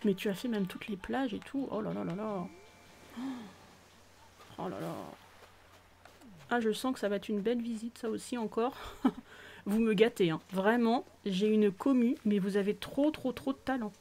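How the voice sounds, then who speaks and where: Over faint background music, a gaming host gushes casually about the viewers' islands she's touring, exclaiming often and now and then dropping close to a whisper. Her gravelly, darkish voice is medium-pitched, moving at a moderate pace with long pauses.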